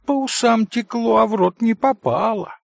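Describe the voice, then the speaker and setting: A volatile young woman cries out in a raised, swooping voice, as a male reader puts her on. Her passion spills into wailing outbursts, and a gravelly, husky grain runs under her words. The audiobook recording is close and dry. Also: on the high side, lively intonation, takes it slowly, no room sound, voice pushed up, full character voice. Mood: defiant, furious. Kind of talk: audiobook character voice.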